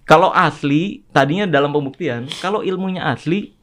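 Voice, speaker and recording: High-voiced man telling a story animatedly. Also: moderate pace. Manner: animated, acts out quoted exchanges in a raised voice. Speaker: podcast guest. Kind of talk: storytelling in casual chat.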